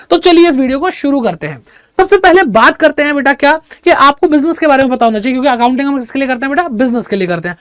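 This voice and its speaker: A man teaching an energetic class. He asks his students questions, answers them himself, and calls them "beta". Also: very high-pitched, no echo, clean studio sound. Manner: chatty, mixes in English terms.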